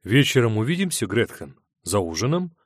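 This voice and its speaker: A man voicing an energetic young actor who is breezy and overly polite, in an audiobook. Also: on the low side, moderate pace, dry recording, clean studio sound.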